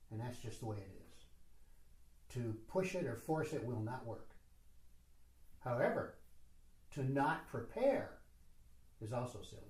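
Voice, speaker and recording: A man's voice: mid-range voice, very animated, measured pace, long pauses, a little mellow. A man leading a spiritual retreat session, talking informally and rambling with many fillers and self-deprecating asides. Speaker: retreat teacher. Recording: roomy echo.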